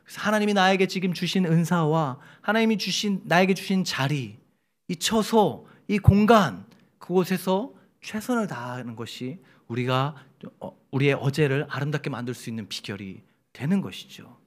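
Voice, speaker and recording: A middle-aged man preaching a sermon to his church, lively and humorous, acting out quoted voices as he tells the story. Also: on the high side, moderate pace. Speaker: pastor. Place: church sanctuary.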